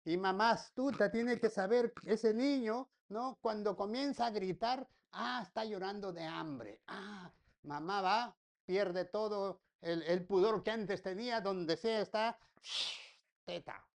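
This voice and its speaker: A woman's voice: medium pitch, takes it slowly. Woman pastor preaching. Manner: repeats phrases, asks the congregation rhetorical questions; folksy, joking asides. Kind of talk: sermon.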